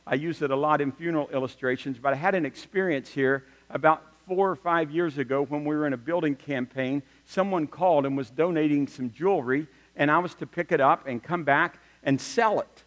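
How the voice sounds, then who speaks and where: A middle-aged male pastor delivering a sermon with a fairly high voice, moving between earnest teaching and humorous storytelling. His words ring out with a long reverb, as in a large church sanctuary. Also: fairly quick, few pauses. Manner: animated storytelling with humorous asides.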